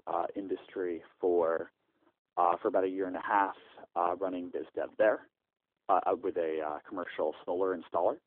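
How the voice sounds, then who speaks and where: A man's voice: deep voice, fairly even intonation, normal speed. A man being interviewed over a landline phone, a startup founder answering at length with frequent "uh" fillers and restarts. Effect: heard over a landline phone. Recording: tinny, dry landline phone line.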